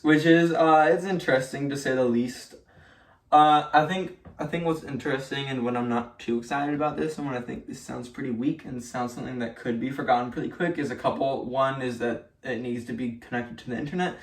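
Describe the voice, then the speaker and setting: A man co-hosting a weekly news roundup, chatting casually and reading articles aloud, with lots of fillers and restarts. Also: mid-range voice. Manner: rambling with many fillers and restarts. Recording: echoey room, mic at a distance.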